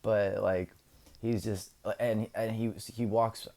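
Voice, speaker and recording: A man's voice: lowish voice, flat delivery, slow, vocal fry, darkish tone. A man telling a casual, rambling story for a vlog, full of filler words, recorded on his camera's own microphone. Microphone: camera's built-in microphone.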